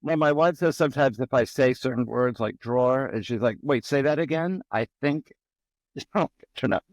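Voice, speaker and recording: A middle-aged man from the Boston area appears as a podcast guest, telling personal stories in a casual, rambling interview style full of ums. His voice is mid-range at a normal speed, with no room sound.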